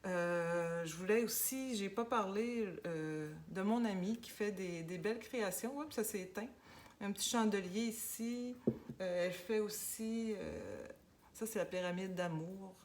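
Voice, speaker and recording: A woman with a Québécois accent giving a casual tarot guidance talk, unhurried and hesitant with many fillers. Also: mid-range voice, animated, darkish tone, slight background noise. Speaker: tarot reader.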